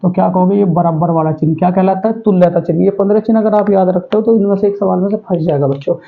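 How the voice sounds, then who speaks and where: A man's voice: high voice, steady tone, fast, vocal fry. A male teacher giving an online exam-prep class, who asks students questions and repeats each answer. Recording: tinny phone-like audio.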